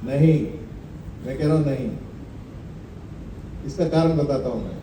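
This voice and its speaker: A man giving a motivational business presentation, quizzing his audience with rhetorical questions and repeating slogans slowly for effect. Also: medium pitch, noisy background. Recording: echoey hall, mic at a distance.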